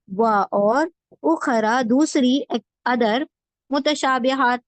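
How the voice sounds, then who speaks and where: A woman teacher with a fairly high voice talks very slowly and patiently, repeating each word so her students can follow. Her sound is close and dry, with almost no room around it. She breaks every meaning down step by step. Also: no room sound, lo-fi sound. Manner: slow, repeats words and meanings for drilling. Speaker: Quran word-by-word translation teacher. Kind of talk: patient classroom explanation with repetition.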